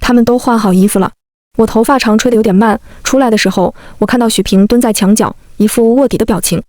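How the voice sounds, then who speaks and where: A young woman narrates a first-person love story aloud, and she voices every character without changing her own voice. Her voice sits a little high for a woman. It is recorded close and dry, with no room around it. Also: quick pace, a little mellow, dry recording. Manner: plays every character in the same light voice.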